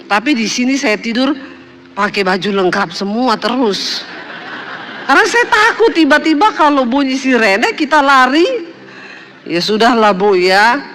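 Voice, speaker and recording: Woman pastor, sermon storyteller, high and bright, animated, acts out quoted voices, faint room noise behind. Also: measured pace, pauses often.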